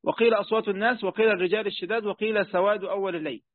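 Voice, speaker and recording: A man's voice: high-pitched, steady tone, racing, no room sound, phone-quality sound. A man with an Egyptian accent teaching a lesson on a religious text, chatty and full of questions to his students. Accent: Egyptian Arabic. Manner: conversational, asks students questions, many fillers. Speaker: teacher of Quran commentary. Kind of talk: classroom lesson explaining a text.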